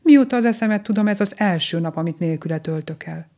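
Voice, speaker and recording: A woman voicing a gentle, homesick young grey rabbit in a storybook reading, speaking softly and wistfully. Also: fairly low pitch, close to an everyday voice. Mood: sad. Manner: soft, pleading and wistful.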